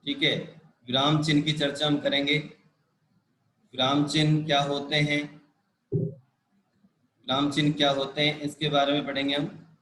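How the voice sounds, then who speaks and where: A man's voice: a little high, bright, forceful tone, reverberant, a little hiss or hum. A man teaching a live online grammar class, explaining patiently and repeating key points with frequent check-ins. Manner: repetitive, patient explaining with frequent "ठीक है" and "देखो".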